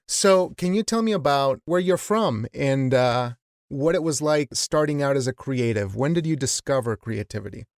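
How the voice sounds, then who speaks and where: Guy hosting a podcast, gravelly voice, measured questions, dry sound. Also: mid-range voice, lively intonation, dry recording. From Wyoming. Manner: warm, measured, repeats words when restarting. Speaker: podcast host. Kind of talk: interview.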